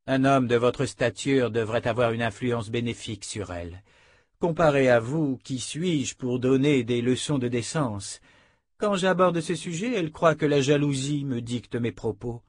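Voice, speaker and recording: A man voicing a scheming, suave nobleman with slow, ironic courtesy. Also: medium pitch, dry recording, studio quality, lightly acted.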